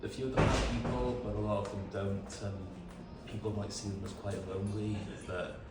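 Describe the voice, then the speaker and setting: A man's voice: on the low side, fairly even intonation, moderate pace, loud music behind the voice. A man from Swansea with a Welsh accent, speaking hesitantly and reflectively as an artist being interviewed in a cafe gallery. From Swansea, Wales. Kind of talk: informal interview answers. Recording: echoey, very noisy cafe gallery.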